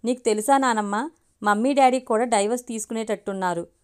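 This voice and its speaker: A woman's voice: on the high side, a little fast, clean tone, lightly acted. A woman voicing a young boy, a tearful grandson, in a told story with a childlike, earnest manner.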